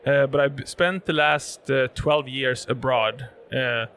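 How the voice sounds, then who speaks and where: A Swedish man, a native Swedish speaker, answers interview questions about robotics as a guest in a live event podcast booth, where he works as a robotics sales manager. His medium-pitched, fairly bright voice is steady and measured, though full of fillers and repeated words, with slight background noise.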